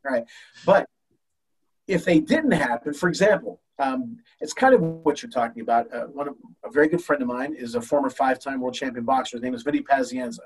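An older man, a baseball coach, telling an emotional story in an animated way with many restarts. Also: mid-range voice, a little fast, husky, distant mic, poor audio. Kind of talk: storytelling in a talk show.

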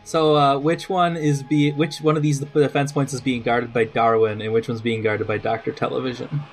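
A man's voice: medium pitch, little pitch movement, normal speed, soft background music, poor audio. A man casually running an improvised tabletop role-playing game and chatting with the players.

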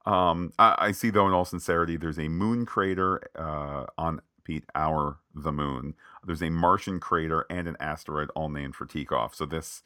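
A man with a very low voice and a bright, forceful edge co-hosts a podcast episode recap. He rambles through the plot with many fillers and jokey tangents. The sound is dry and close. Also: fairly even intonation, normal speed, hardly any pauses, clean tone, dry recording. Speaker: podcast co-host. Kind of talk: recapping an episode in casual chat.

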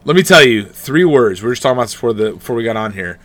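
Young male co-host, bright voice, playful and animated. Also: mid-range voice, very fast, no echo. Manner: animated, jokey, puts on silly voices for his dog. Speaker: streamer and podcast co-host. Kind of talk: casual chat.

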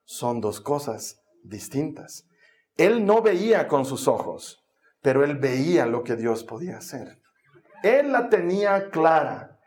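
A man preaching a sermon, telling Bible stories in a dramatic, animated way with jokes along the way. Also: a little high, slow pace.

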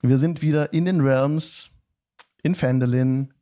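This game master, hosting a tabletop stream, tells the recap slowly and deliberately, stretching out his phrases like a storyteller. He has a mellow, mid-range voice and keeps his intonation fairly even.

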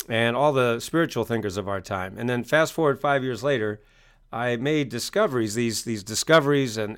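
A man's voice: mid-range voice, fairly bright tone. A middle-aged American man telling his story as an interview guest, emphatic and fond of repeating phrases like a motivational speaker. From Maine, United States. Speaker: guest, success coach and author.

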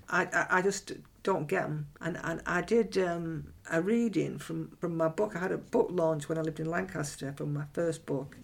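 A woman's voice: fairly low pitch, gravelly. A middle-aged woman poet talking candidly and bluntly about her writing, with many restarts and frequent laughter. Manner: blunt, chatty, frequent restarts and self-corrections; animated, laughs often. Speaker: writer and performance poet. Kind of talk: candid personal monologue.

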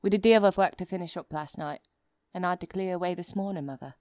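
A woman playing a hard-working young woman, the eldest daughter of a poor family, warm and affectionate. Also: on the low side, quick pace, no echo, clean studio sound, natural voice.

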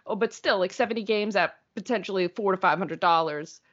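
A woman's voice: mid-range voice, fairly quick, fairly bright tone, dull audio. A woman from Massachusetts co-hosting a podcast, chatting casually with lots of fillers. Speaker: podcast co-host.

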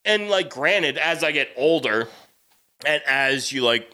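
A man's voice: on the high side, lively intonation, measured pace, pushed and bright. A man chatting casually as a podcast co-host, repeating words as he goes and swearing bluntly. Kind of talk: casual chat.

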